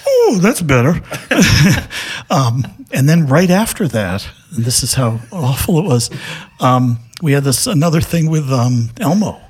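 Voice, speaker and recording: Husky, animated male storyteller. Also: mid-range voice. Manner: animated storyteller, laughs often. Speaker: interview guest. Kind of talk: casual anecdote telling.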